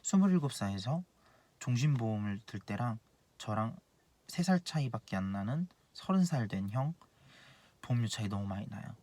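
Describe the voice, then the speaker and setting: Blunt young insurance planner, plain voice. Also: male voice, lowish voice, darkish tone, no echo. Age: 20s. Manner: blunt, earnest, repeats key points. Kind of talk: casual advice monologue.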